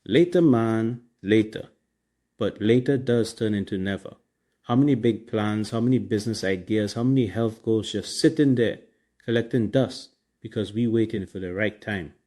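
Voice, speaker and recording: Trini guy hosting a chill motivational podcast, lowish voice, lots of caribbean slang. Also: moderate pace, dark tone. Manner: colloquial, Caribbean slang and grammar. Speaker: podcast host. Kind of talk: casual motivational podcast chat.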